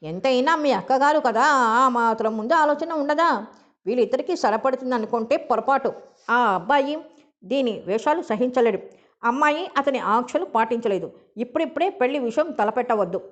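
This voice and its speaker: A woman's voice: a little high, expressive, normal speed, lightly acted. A woman reading the part of a stern middle-aged mother who lectures earnestly.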